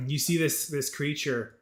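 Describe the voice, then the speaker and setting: A man narrating a tabletop game as game master, halting and searching for words. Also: a little high, steady tone, noisy background.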